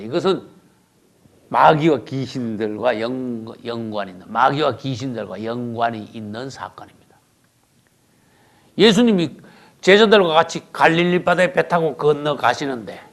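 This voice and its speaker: A man pastor preaching a sermon, emphatic, asking the congregation rhetorical questions and swinging from loud bursts to low murmurs.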